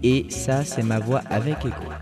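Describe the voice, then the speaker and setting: A man's voice: medium pitch, fairly even intonation, moderate pace, over music. A male radio reporter whose voice is run through studio effects, reverb, chorus and a digital echo.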